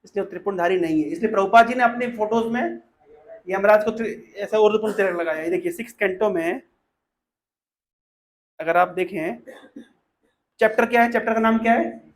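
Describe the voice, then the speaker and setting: High-voiced male preacher leading devotional talk. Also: a little fast, long pauses. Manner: explanatory, asks the audience questions and leads call-and-response recitation. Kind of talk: devotional talk with verse chanting.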